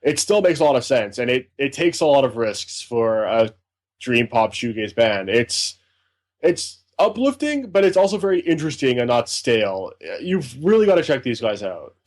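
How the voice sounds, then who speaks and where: A man's voice: mid-range voice, very animated, normal speed. A man co-hosting a casual podcast, reviewing albums in a rambling, enthusiastic way. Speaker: podcast co-host, music reviewer.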